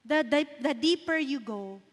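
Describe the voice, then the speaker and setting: A woman's voice: sits high, expressive, measured pace. A woman pastor in her thirties with a Filipino accent, preaching a storytelling sermon and mixing Filipino with English. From Philippines. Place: church sanctuary. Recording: long reverb of a hall.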